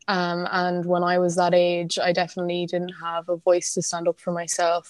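A woman's voice: fairly low pitch, a little mellow, no echo. Young west of Ireland woman, dry close sound. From County Clare, west of Ireland. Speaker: podcast guest. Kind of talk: conversational interview.

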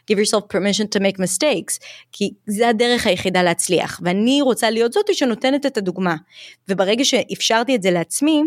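A woman's voice: mid-range voice, dry recording, clean studio sound. A woman from Israel, an English teacher and YouTuber, speaking as a guest in a podcast conversation, reflective and frank, dropping English phrases into her talk.

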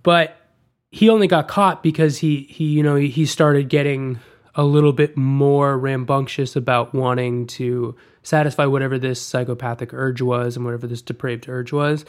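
A man's voice: medium pitch, steady tone, moderate pace. A young man co-hosting a casual film chat, rambling with many fillers and restarts. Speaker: podcast co-host.

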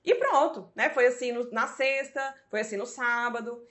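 A woman's voice: fairly high pitch, moderate pace. A woman, a guest, telling her story conversationally and acting out the dialogue she quotes. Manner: animated, acts out quoted dialogue.

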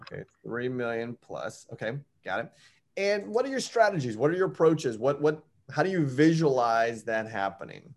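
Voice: mid-range voice, very animated, normal speed, a little mellow. A recruiting coach hosting an interview, affirming the guest and drawing lessons out for the audience. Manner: affirming, coaching, many backchannels.

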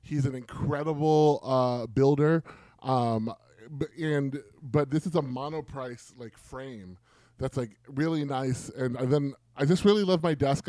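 Mellow man gushing about his desk. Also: mid-range voice, no room sound. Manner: enthusiastic, rambling about gear. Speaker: podcast co-host. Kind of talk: casual chat.

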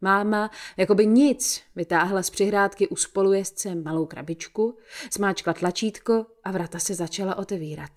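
Woman reading a first-person novel out loud, measured, kinda dry and ironic. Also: mid-range voice, fairly even intonation. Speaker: audiobook narrator.

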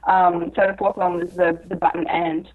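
Woman sounding muffled like she's through a wall, lowish voice, dull lo-fi mic, lots of ums. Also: flat delivery, normal speed. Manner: hesitant, full of ums and restarts. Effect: muffled, as if heard through a wall. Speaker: guest explaining grammar myths. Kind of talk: casual explanatory chat.

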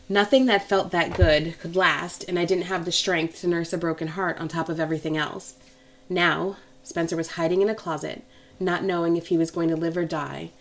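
A woman's voice: lowish voice, creaky. Woman narrating a romance audiobook. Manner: intimate, emotional storytelling. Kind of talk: first-person romance narration.

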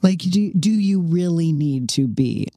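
Low, warm-toned woman hosting a chat. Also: lively intonation, no room sound, studio quality. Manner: chatty, agreeable, quick to affirm. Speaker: podcast host. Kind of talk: casual conversational interview.

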